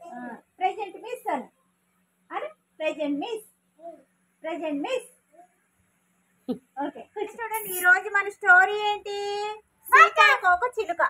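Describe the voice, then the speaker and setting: A woman's voice: very high voice, a little slow, pauses often, pushed and bright. A woman preschool teacher talking to small children in a classroom. She keeps asking questions, repeats the answers back, and gives simple, firm commands.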